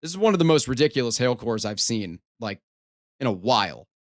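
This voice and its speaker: A man's voice: mid-range voice, very animated, a little fast. A man hosting a live storm coverage stream, giving running weather commentary in an emphatic, repetitive way. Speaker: storm coverage livestream host.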